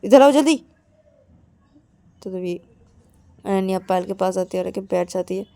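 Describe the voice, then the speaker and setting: A woman telling a romance story in a casual, soft, low-key way, linking events with repeated filler words. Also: completely flat delivery, normal speed, gravelly, no room sound. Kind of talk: casual spoken story narration.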